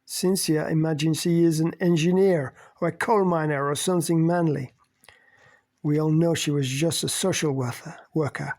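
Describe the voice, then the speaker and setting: A man voicing Pascal, a sharp-tongued, flirtatious woman who mocks and cuts with cool scorn, in an audiobook. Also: a little high, steady tone, normal speed, close to an everyday voice. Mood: mocking. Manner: mocking, cutting.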